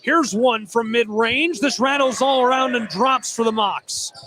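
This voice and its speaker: A man calling play-by-play for local radio at a basketball game, with brisk calls of the score and clock. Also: extremely high pitch, crowd noise. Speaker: play-by-play announcer. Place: basketball gym, courtside.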